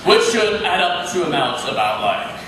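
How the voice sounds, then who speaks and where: A man playing a blunt, halting, callous doctor in a comedic stage play. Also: on the high side, big pitch swings. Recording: echoey hall, far mic, loud noise.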